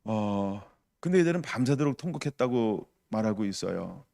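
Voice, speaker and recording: A man's voice: fairly low pitch, very animated, moderate pace, gravelly, warm tone. A male pastor giving a conversational sermon, asking the congregation questions and acting out the voices of people in the story. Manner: conversational preaching, acts out voices of the crowd, asks the congregation questions.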